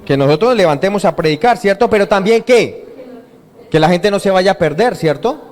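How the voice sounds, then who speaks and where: A man's voice: high voice, expressive, normal speed. A male pastor preaching an interactive sermon, asking his congregation questions and having them call out and repeat the answers. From Colombia. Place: church hall.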